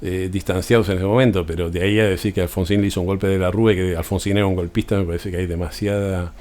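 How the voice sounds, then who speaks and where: A man's voice: deep voice, steady tone, quick pace, darkish tone. A man with an Argentine accent, explaining astrology in an unscripted talk, often restarting phrases and adding tag questions. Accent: Argentine Spanish.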